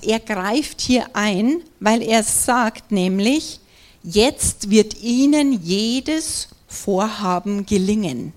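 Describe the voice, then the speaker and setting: A woman delivering a sermon at an unhurried pace. Her voice sits a little high, and she talks earnestly and conversationally, often asking her listeners questions. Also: a little mellow. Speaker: preacher. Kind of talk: sermon with prayer and scripture reading.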